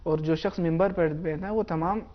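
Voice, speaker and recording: Measured male tajweed teacher, lo-fi. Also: on the high side, steady tone. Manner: measured, slows down to demonstrate recitation. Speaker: Quran recitation teacher. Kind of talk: explaining tajweed rules.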